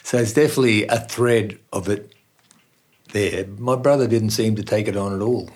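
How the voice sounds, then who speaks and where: An older man from Austria, speaking with an Australian accent, is a guest musician telling stories in a casual interview. His voice is lowish at a moderate pace, and he's a chatty storyteller who laughs often.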